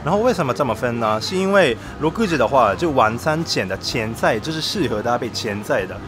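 A man's voice: medium pitch, lively intonation, brisk. Young male vlogger, Japanese accent in Mandarin, chatty and informal, mid-range voice with music behind. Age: young adult. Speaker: travel and food vlogger. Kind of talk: casual vlog chat.

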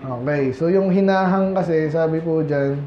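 A man's voice: a little high, moderate pace, a little hiss or hum. A man from the Philippines preaching a Sunday afternoon sermon in a conversational way, quizzing his congregation as he goes. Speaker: pastor. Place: church hall. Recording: echoey, slightly dull church audio.

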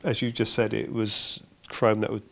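A man's voice: lowish voice, flat delivery, normal speed, creaky, fairly bright tone. A middle-aged English man with a handheld mic, interviewing a mechanic in a workshop, prompting eagerly with tag questions. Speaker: channel host interviewing a mechanic. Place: indoor motorcycle workshop. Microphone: handheld microphone with windscreen.

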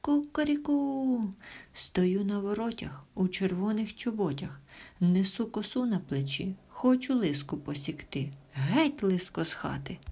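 A woman voicing a bold, boastful male rooster who crows and shouts his threats in a storybook tale. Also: medium pitch, animated, a little slow, breathy edge. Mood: bold crowing.

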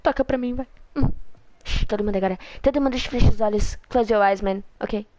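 A young Brazilian woman giving excitable, laughing live commentary as she plays a video game, hushing her viewers in mock drama and mixing in English words. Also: medium pitch, fairly quick. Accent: Brazilian Portuguese. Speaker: streamer playing a video game. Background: game music playing.

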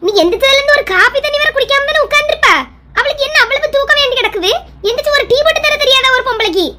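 A woman's voice: very high voice, fast, very noisy. A woman with a Kanyakumari Tamil accent playing a complaining mother-in-law who nags in a comedy skit. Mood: scolding. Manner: nagging and self-pitying. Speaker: skit performer.

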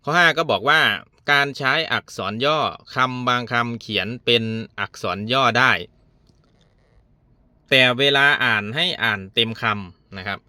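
A man's voice: mid-range voice, animated, unhurried, sharp tone, smooth, no room sound. A male primary school teacher patiently walking young pupils through a workbook exercise step by step. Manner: patient, explains step by step with frequent polite particles. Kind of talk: worksheet lesson for young pupils.

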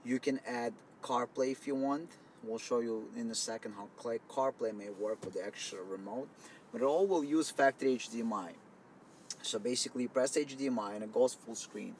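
A man's voice: medium pitch, fairly quick, darkish tone. Man casually demoing inside a car. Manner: loose, conversational explaining with fillers. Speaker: product demonstrator. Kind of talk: casual product demo. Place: inside a car, partly outdoors in wind. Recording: faint wind noise on camera mic.

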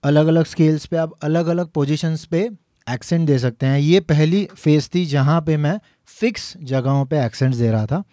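A man teaching piano, explaining each step patiently and slowly singing the note names as he plays. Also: on the high side, warm tone, no room sound, studio quality. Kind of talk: instructional lesson.

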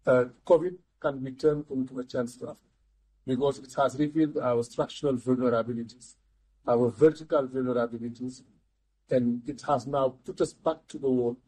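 An older man speaking as an economist guest in a studio interview, measured and restarting his words often. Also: medium pitch, fairly even intonation, darkish tone, slightly rough, poor audio. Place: TV studio, seated in armchair.

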